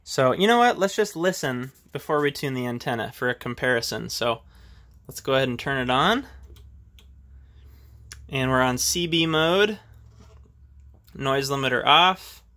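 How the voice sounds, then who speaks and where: A man gives a casual, hands-on demo of the radio equipment on his desk, handling it as he thinks aloud and says "uh" a lot. His mid-range voice is animated, bright, and forceful, unhurried, with long pauses.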